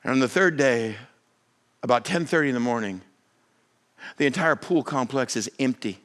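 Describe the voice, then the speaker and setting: A male pastor telling a comic story in a sermon, animated and rising in pitch as he gets excited. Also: moderate pace. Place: church or conference hall.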